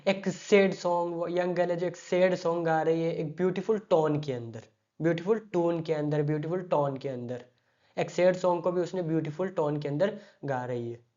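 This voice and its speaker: Slow Indian-accented lecturer, dull lo-fi sound. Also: mid-range voice, warm tone. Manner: explains slowly, mixing Hindi and English, repeats phrases; reads poem lines in a slow recital. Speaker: teacher. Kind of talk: exam-prep literature lecture.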